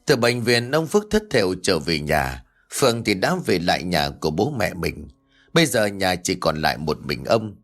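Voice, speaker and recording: A man narrating a ghost story in a measured storytelling manner. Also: low-pitched, big pitch swings, fairly bright tone, faint music behind. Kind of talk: scripted horror story narration.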